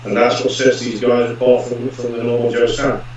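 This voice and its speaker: Male expert guest, deep-ish flat delivery, big hall echo, dull lo-fi sound. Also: normal speed, a crowd in the background. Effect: heavy echo, like talking in a big hall. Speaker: pigeon racing expert guest. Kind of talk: explaining on a live stream Q&A. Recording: very echoey, distant, dull lo-fi audio with faint ambience.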